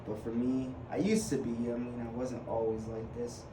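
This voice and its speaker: A Ugandan man, twenty-one, chats as a podcast guest with a flat, mid-range voice at a moderate pace. He's hesitant and talkative, leaning on fillers and restarts. Echo and background noise fill the recording.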